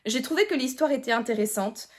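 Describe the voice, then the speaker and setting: A woman's voice: high voice, expressive, fast talker. A young woman, chatting casually to camera about books, rambling with many fillers and restarts. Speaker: book vlogger.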